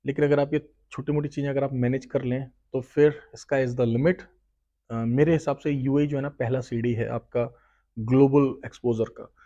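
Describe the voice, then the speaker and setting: A man's voice: medium pitch, fairly even intonation, normal speed, dark tone. A man, giving casual interview advice that mixes Hindi with English phrases and often checks in with "right?". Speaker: host giving job interview tips. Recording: slightly dull, lo-fi sound.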